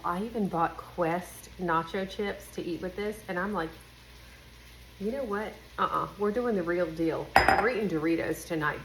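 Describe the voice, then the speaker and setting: A woman's voice: medium pitch, fairly bright tone, poor audio. A woman with a nasal, congested voice, chatting casually and folksily to viewers in a bubbly cooking vlog. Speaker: home and cooking vlogger. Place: home kitchen. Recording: kitchen noise, sizzling pan. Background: frying, sizzling, stirring.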